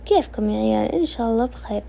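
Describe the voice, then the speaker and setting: A woman voicing a gentle, peacemaking Najdi mother. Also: fairly high pitch, animated, rapid-fire, gravelly, full character voice. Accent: Najdi Saudi.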